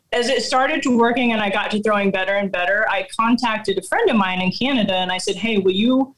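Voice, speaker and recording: A middle-aged woman tells her story in a casual, animated way. She laughs often as she goes, and her voice sits in an ordinary middle pitch. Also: low-quality recording. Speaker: guest hunter.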